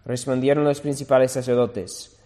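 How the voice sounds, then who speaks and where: A man preaching a sermon, reading scripture aloud slowly and deliberately, now and then correcting himself. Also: medium pitch, little pitch movement, dark tone, long reverb tail.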